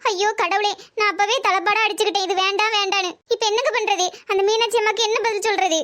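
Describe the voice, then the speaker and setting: A woman voicing a scolding, anguished middle-aged wife and mother in a comedy cartoon, with a Tirunelveli Tamil accent and a shrill, wailing manner. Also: steady tone, quick pace, fairly bright tone.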